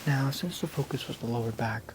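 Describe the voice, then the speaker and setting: An ASMR role-play by an ASMR performer as a gentle, attentive massage therapist, soothing and instructional. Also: mid-range voice, noisy background. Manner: soothing, slow counting, instructional. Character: gentle, attentive massage therapist talking a client through treatment.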